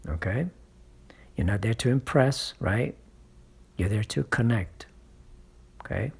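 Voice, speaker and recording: A man's voice: on the low side, a little slow, gravelly, husky. A man hosting his own channel, giving motivational public-speaking advice and often checking in with the listener. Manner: coaching, checks in with frequent "right?" and "okay?"; speaks from experience, encouraging. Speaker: channel host and speaking coach.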